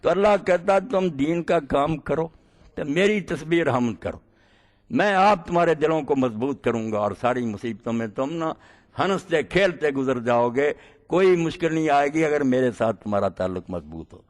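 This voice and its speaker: A man delivering a sermon, telling stories and swinging between quiet passages and emphatic peaks. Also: fairly high pitch, animated. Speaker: preacher. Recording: long hall reverb.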